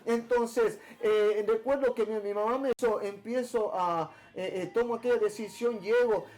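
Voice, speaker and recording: A man giving an earnest personal testimony to a pastor, halting, with many repeated words and restarts. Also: sits high, fairly even intonation, darkish tone. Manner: earnest, emotional storytelling. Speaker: church member giving testimony.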